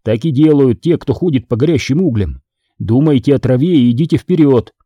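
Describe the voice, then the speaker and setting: A man's voice: mid-range voice, animated, fairly quick, warm tone, no echo, lightly acted. Firm young leader, as a man reads him. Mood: commanding. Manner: firm, commanding.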